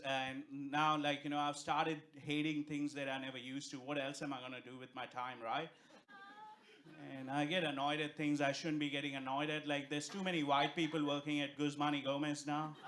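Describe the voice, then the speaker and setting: On stage at a comedy club, a young man from India with an Indian accent delivers brash, profane punchlines as the live crowd laughs. His pitch sits on the high side with little movement, his pace is moderate, and his tone is a bit bright.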